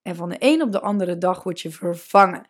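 A woman coach hosting a solo podcast, talking casually and emphatically, slowing down to stress her points and dropping in English words. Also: on the low side, lively intonation, husky.

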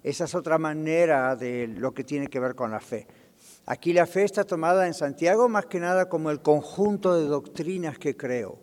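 A man's voice: on the high side, normal speed, a little mellow. Man, pastor, Bible study lesson, explanatory, checks in often, long reverb. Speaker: pastor teaching a Bible class. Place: church.

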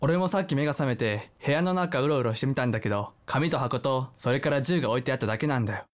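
A young man acting a tense young man who pleads for a gun in a student radio drama, rough and urgent. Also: mid-range voice, fast talker, lightly acted. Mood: uneasy.

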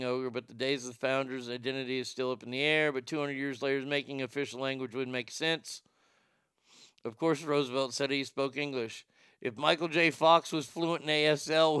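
On his casual livestream, a middle-aged man from Texas who stutters reads out viewer comments and responds bluntly, rambling, cursing, and laughing at his own jokes. His medium-pitched voice is slightly bright, clear, and resonant, with fairly even intonation at normal speed. The recording is dry with clean studio sound.

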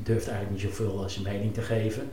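A man's voice: fairly low pitch, flat delivery, fast talker, mellow, a little hiss or hum. Hesitant, reflective man in a roomy space. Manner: thoughtful, hesitant, full of fillers and self-questions. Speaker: former football club executive, guest. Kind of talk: reflective conversation. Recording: roomy with faint ambience.

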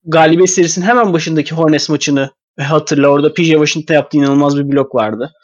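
Stuffed up from a cold, a man does loose, meandering basketball talk on a podcast. He speaks fast in a slightly high voice, and the audio is dry and low-fidelity.

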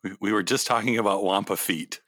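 Male co-host, casual chat, low pitch, bright edge, echoey reverberant room. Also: fairly quick. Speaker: podcast co-host.

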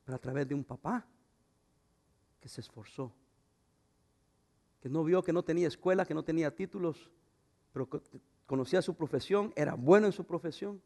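A middle-aged man pastor preaching a sermon, swinging from loud fervent passages to quiet, intimate asides. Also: a little high, normal speed, vocal fry, pauses often.

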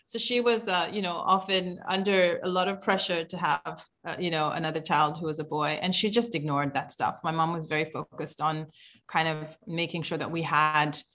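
A woman, an author guest, answering interview questions in relaxed conversation, laughing easily. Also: low voice, normal speed.

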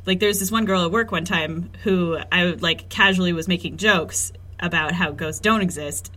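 Bright-voiced teasing woman, under blankets. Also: fairly low pitch, normal speed, rough recording. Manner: teasing, rambling, with frequent "like". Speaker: podcast co-host. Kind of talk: casual joking podcast chat. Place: small blanket fort indoors, recorded under blankets.

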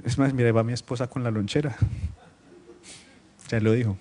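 A man preaching a Spanish-language sermon to his congregation, switching between loud, emphatic scripture reading and quiet, joking asides. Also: mid-range voice, steady tone, fairly quick. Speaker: pastor. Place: church meeting room, streamed live.

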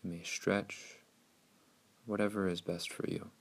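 A man narrating a scripted guided meditation in a soothing, hushed, unhurried way with long pauses. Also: low-pitched, flat delivery, husky.

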